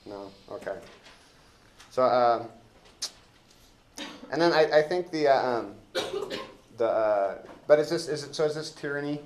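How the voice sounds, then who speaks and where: With a mid-range voice and lively intonation, an American man rambles and jokes his way through an informal classroom discussion of a play. He speaks in a halting, colloquial, meandering manner indoors in a classroom, and the audio has roomy echo plus background hiss.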